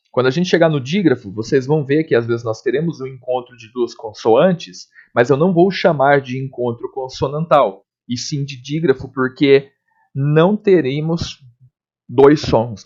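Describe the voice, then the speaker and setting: A man teaching a recorded grammar lesson, explaining step by step, checking in often and spelling out letters and sounds slowly. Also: mid-range voice, a little mellow. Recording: dull lo-fi recording.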